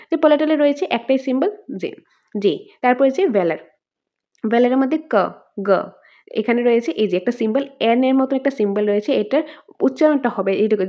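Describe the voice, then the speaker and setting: Woman teacher, fairly high voice, exam-prep lesson, lo-fi recording. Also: dark tone. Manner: repeats terms, drills example words aloud.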